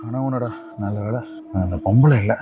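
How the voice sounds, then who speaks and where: An actor playing an excitable male friend who rushes in with urgent, joking talk. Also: medium pitch, dull audio, very noisy, close to an everyday voice. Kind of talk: film dialogue. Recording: loud music over voice.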